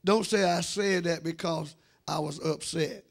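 This middle-aged American man has a gravelly voice on the high side and keeps a measured pace. As senior pastor, he holds a handheld mic in the sanctuary and preaches with emphasis, drawing out phrases and addressing the congregation before him directly.

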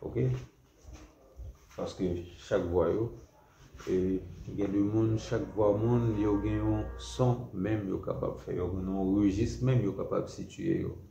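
A man's voice: on the low side, fairly even intonation, measured pace, gravelly, dark tone. A man with a Haitian accent giving a music lesson, repeating his points and checking in with "ok?". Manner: repetitive, checks in with "ok?". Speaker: music teacher. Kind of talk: classroom lesson. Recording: roomy, dull lo-fi recording with faint noise.

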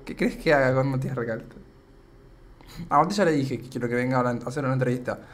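A young man with an Argentine Spanish accent chats casually on a live stream in a mid-range, fast voice that sounds a bit worn out. He rambles and reads viewers' comments aloud.

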